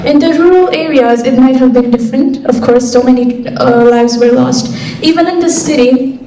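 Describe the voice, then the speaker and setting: A young woman from Afghanistan, a guest speaker answering interview questions in a soft, reflective way with frequent pauses. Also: high voice. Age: young adult. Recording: echoey hall, voice from far off mic, faint noise.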